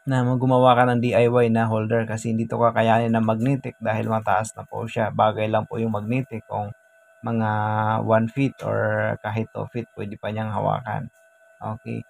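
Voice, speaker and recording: Man, gravelly voice, casual how-to talk, outdoors. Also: fairly low pitch, little pitch movement, normal speed. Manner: chatty, repeats "guys" and fillers while working. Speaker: DIY welding vlogger.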